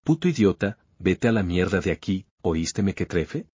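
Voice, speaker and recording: A man voicing a vain, quick-tempered young rich man who is bossy and insulting. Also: deep voice, expressive, a little mellow, breathy edge, dry recording. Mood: angry. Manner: bossy, swings between insults and groveling. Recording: slightly dull lo-fi recording.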